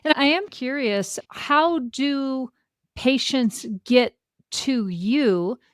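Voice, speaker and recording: Clear-voiced woman hosting a podcast. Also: sits high, animated, extremely slow, dry recording, studio quality. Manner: warm, affirming, asks long questions. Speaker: podcast host. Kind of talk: podcast interview.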